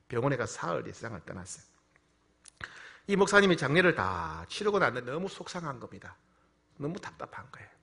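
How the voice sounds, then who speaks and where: A man's voice: on the high side, fairly bright tone. A man preaching a sermon, telling a story and acting out prayers with rising passion. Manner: storytelling with acted prayers, rising to impassioned pleading. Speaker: pastor.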